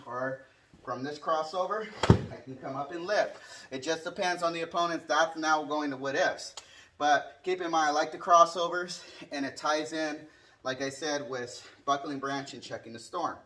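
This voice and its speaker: Man teaching martial arts, bright, distant mic. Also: fairly high pitch, normal speed. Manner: punctuates explanations with short strike sounds and counts. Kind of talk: hands-on demonstration teaching, casual explanation. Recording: distant microphone.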